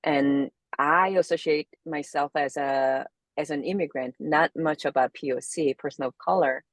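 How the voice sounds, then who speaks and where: Speaking at a normal speed in a low voice, this interview guest is a somatic movement therapist from South Korea. She has a Korean accent, sounds reflective, and frequently hunts for words, and the recording is dry.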